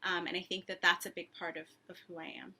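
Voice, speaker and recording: A woman's voice: on the low side, little pitch movement, fast talker, pushed and bright, slightly rough. A woman author in her thirties answering at length in a thoughtful, conversational way, with frequent ums and restarts. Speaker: author and guest.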